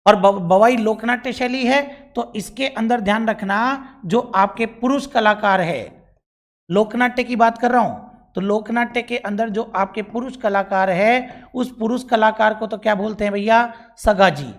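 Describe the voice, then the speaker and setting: A man's voice: high voice, a little slow. A man with a Rajasthani accent giving an exam-prep lesson, repeating key points and asking then answering his own questions. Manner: addresses viewers as bhaiya and bhai sahab. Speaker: teacher.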